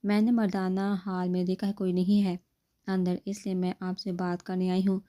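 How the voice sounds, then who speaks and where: A woman reading the lines of a shy, frightened young village woman in an audiobook novel, soft-spoken and pleading. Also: on the low side, level tone, close to an everyday voice.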